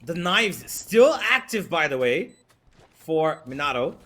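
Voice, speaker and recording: A man working as an esports caster, giving live play-by-play on a shooter match in an excitable, urgent manner. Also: a little high, slow pace. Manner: excitable, rising urgency in action.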